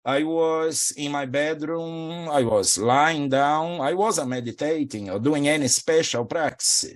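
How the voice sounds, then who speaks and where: A middle-aged man from Brazil with a Brazilian Portuguese accent, a spiritual teacher talking in an interview and meandering reflectively with soft laughs. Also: on the high side, measured pace.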